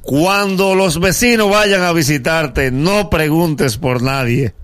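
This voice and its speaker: A man's voice: a little high, slow, a bit bright, smooth. A man with a Dominican accent hosting a comedic morning radio show, giving playful, teasing advice with endearments.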